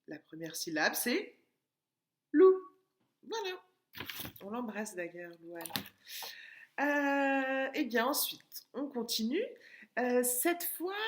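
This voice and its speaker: A woman leads a lesson for young children, slow and deliberate, drawing out each syllable. Her pitch swings up and down with animation. The room around her rings with echo. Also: a bit bright. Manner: slow, patient, syllables tapped out and stretched. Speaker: preschool teacher. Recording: echoey room.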